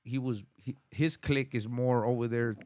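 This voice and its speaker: A man from Inglewood, California, hosting a casual interview with relaxed, slangy, playful questions. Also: medium pitch, normal speed, no room sound. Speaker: podcast host.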